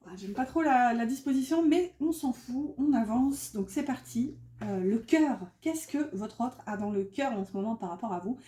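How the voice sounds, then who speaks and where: A woman gives a relaxed tarot reading in a somewhat high, mellow voice. She chats freely, piling up fillers and correcting her own words as she goes. The room around her sounds echoey. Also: normal speed. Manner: chatty, many fillers and self-corrections, laughs at herself. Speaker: tarot card reader.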